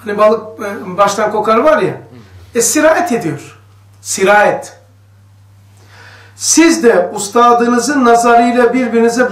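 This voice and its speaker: A man leads a religious study circle, reading passages aloud and unpacking them for his listeners in an easy, conversational manner. His voice sits very high for a man. It carries a cave-like echo, as if bouncing off bare walls, and sounds distant from the microphone. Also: fairly bright tone. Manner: conversational, explains each passage and questions the listeners. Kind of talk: reading a religious text aloud and explaining it to a group. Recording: echoey room, voice distant from the mic.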